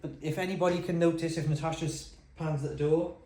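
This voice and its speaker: Speaking fairly quickly in a voice on the high side, with a steady yet dark tone, a carpenter and builder explains his renovation step by step. It's a casual DIY vlog, practical in manner, narrated as he works. He films on a handheld phone inside a bare, echoey bungalow room under renovation, where faint noise can be heard.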